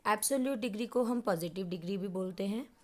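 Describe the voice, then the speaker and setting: A woman's voice: medium pitch, quick pace. A woman teaching English grammar in Hindi, patiently explaining and reading out word lists.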